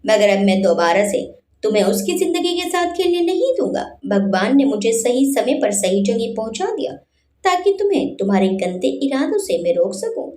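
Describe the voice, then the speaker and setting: A woman's voice: on the high side, big pitch swings, moderate pace, mellow, reverberant. A woman voicing a scornful young man, a rival in love, who mocks and lectures in a storybook reading. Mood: contemptuous. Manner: mocking, contemptuous.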